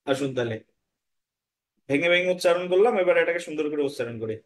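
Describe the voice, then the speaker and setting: A man's voice: fairly high pitch, lively intonation. A man with a Bengali accent teaching a scripture lesson, patiently breaking Sanskrit verses into syllables and chanting them. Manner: slow syllable-by-syllable Sanskrit drilling. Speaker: Gita teacher.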